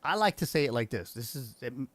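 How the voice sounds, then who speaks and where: A man's voice: medium pitch, animated, brisk, no echo. A man hosting a casual livestream interview over a video call, chatty and upbeat, often repeating words and restarting his sentences. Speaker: livestream show host.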